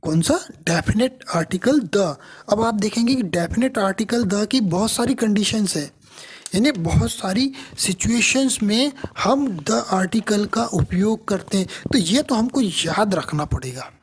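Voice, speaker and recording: A man's voice: high-pitched, lively intonation, unhurried, a little hiss or hum. A male English grammar teacher giving an explanatory lesson, repeating each point and restating terms in two languages, with frequent checking questions.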